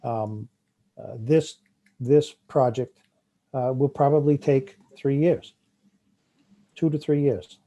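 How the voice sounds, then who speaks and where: Halting Boston man with a dark voice. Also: mid-range voice, fairly even intonation. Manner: halting, many fillers and restarts. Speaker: town official presenting a park project. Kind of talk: committee meeting discussion.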